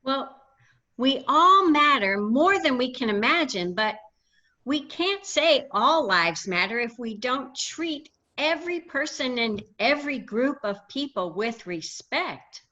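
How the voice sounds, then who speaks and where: A bright, sharp-edged woman's voice speaks earnestly as a caring home worker, sitting a touch high. over slightly dull call audio. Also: sing-song, slow, full character voice. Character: warm-hearted nursing-home worker Ophelia.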